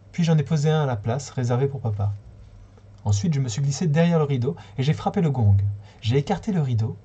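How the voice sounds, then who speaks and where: A man reading a short story aloud on a livestream, calm and steady with a few small slips. His voice is mellow and relaxed, with a slightly husky grain. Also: a little high, muffled recording. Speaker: reader.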